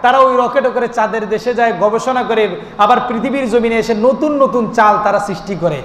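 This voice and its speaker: Male preacher with a very high voice, sermon in a long-reverb hall, asks and answers his own questions. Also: fairly bright tone. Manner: chanting drawn-out calls mid-sermon; asks the crowd questions and answers them himself. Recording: echoey hall recording with faint noise.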